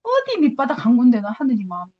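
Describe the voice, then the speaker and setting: Earnest nun giving a spiritual talk. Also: female voice, on the high side, huge pitch swings, fast, dull audio. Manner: earnest, acts out her own prayers to God.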